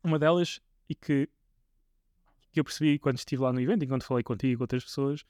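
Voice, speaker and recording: Here a man in his twenties, accent European Portuguese, runs a podcast interview casually and hesitantly, restarting often and leaning on fillers. His voice is mid-range, fast and a little mellow. The recording is dry, with clean studio sound.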